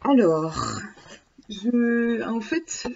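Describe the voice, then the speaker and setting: A woman's voice: fairly high pitch, big pitch swings, very slow, gravelly, darkish tone, slightly rough. Chatty hesitant woman vlogger, lo-fi sound. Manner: hesitant, many restarts, chatty and eager. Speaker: vlogger reviewing a divination book. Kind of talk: casual vlog talk to camera. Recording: dull lo-fi sound.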